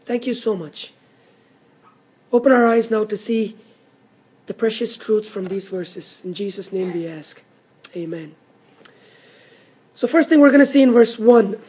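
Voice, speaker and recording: Husky-voiced preacher, earnest and emphatic. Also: mid-range voice, moderate pace, long pauses, mellow. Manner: repeats key words for emphasis; earnest, teacherly explaining. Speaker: pastor. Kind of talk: expository sermon.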